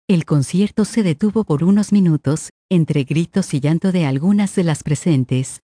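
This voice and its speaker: A news narrator reading a scripted entertainment report in a steady, even delivery. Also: mid-range voice, no echo, clean studio sound.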